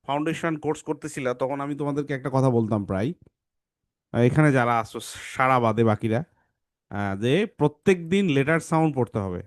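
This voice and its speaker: A man leads an online children's English lesson over a video call. His voice sits a little high and sounds dry and close, with no room echo. He repeats himself a lot and keeps checking in with the children. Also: a little mellow. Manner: repeats points, checks in with "ঠিক আছে?". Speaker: English teacher. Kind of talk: online kids' class talk.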